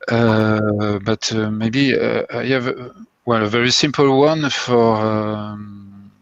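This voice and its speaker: A male examiner speaks very slowly in a low, gravelly voice at a thesis defense. He hesitates and rewords as he goes. The sound is dull and dry, like a video call. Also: steady tone, no room sound. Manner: hesitant, searching for words, self-correcting. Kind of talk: halting formal remarks and questions at a thesis defense.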